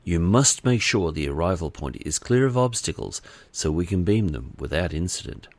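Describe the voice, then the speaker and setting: A man's voice: low voice, very animated, dry recording, full character voice. Man playing a reserved Vulcan commander. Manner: measured, formal. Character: calm male Vulcan commander, logical and reserved. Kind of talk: audiobook character voice.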